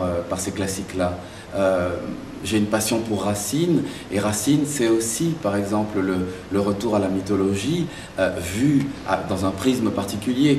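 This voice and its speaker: Man, playwright being interviewed, thoughtful, halting restarts, low voice, roomy echo. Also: darkish tone, a little hiss or hum. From Belgium and Zaire. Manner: thoughtful, searching for words with many restarts. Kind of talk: reflective interview answers. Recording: echoey room, mic far off.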